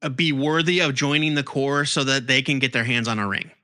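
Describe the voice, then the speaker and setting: A man co-hosting a comics podcast, explaining theories in a rambling, animated way with lots of fillers and restarts. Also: medium pitch, a little fast. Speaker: podcast co-host. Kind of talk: casual chat about comics.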